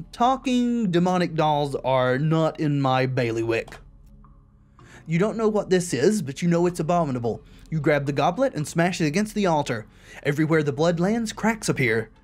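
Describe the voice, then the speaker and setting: A woman with a low, somewhat mellow voice plays a video game, reading its text aloud and adding her own casual commentary as player and narrator.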